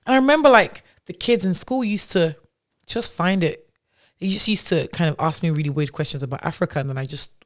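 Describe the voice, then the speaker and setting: Speaking briskly in a fairly low voice, a woman who grew up in Nigeria and founded a tech company tells stories as a podcast guest. Her chatty delivery is packed with fillers and false starts, like a relaxed interview.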